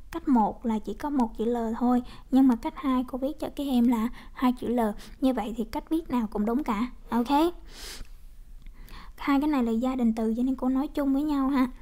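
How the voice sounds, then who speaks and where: A woman with a Vietnamese accent runs an online English vocabulary lesson in a high, light voice. She says each word slowly three times and names the stressed syllable. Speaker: English teacher.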